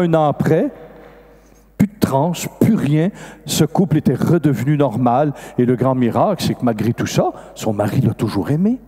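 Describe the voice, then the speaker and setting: Older Québécois priest, animated and husky. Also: male voice. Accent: Québécois French. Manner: animated, acts out dialogue with sudden rises in pitch. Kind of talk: storytelling sermon. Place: large festival hall. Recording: long reverb of a large hall.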